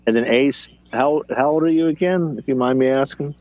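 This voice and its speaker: A man in his fifties in a casual chat, rambling and halting, often restarting his sentences. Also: medium pitch, darkish tone. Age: 50s. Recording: dull lo-fi audio.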